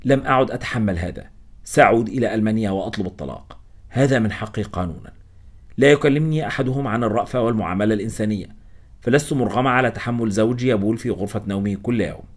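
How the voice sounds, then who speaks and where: A man's voice: on the low side, rapid-fire, close to an everyday voice. A man voicing an irritable blonde German wife who speaks sharply and with exasperation, in a storybook reading. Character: angry blonde German wife, middle-aged.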